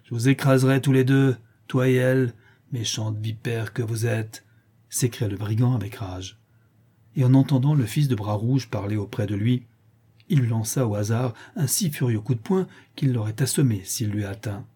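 Male audiobook narrator, measured dramatic reading, husky, warm low tone. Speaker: audiobook reader. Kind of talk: scripted narration of a classic novel.

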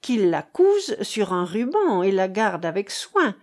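A woman's voice: medium pitch, sing-song, slow, a little mellow. A woman reading the part of a witty, teasing young actress making light fun of a count, in a storybook narration. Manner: teasing, mocking.

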